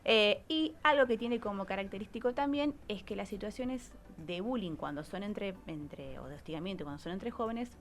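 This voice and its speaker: In a radio studio, a psychologist with an Argentine Spanish accent gives a didactic, explanatory talk, often checking in with short questioning tags. Her mid-range voice is animated at normal speed with hardly any pauses, and the recording is clearly noisy.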